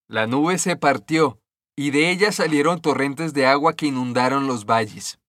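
A man narrating a fairy tale in a measured, clear storytelling cadence. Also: fairly high pitch, fairly bright tone, dry recording, clean studio sound.

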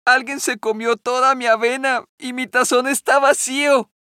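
A man voicing a tiny young male bear cub with a high, loud little voice. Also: little pitch movement, normal speed, clean tone, no room sound, studio quality. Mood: complaining.

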